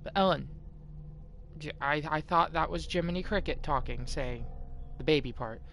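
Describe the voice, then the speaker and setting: A game streamer chatting live through a horror game, reacting and talking to viewers. The delivery is casual and loose, with frequent swearing, at an average pitch. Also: normal speed, fairly bright tone, soft background music.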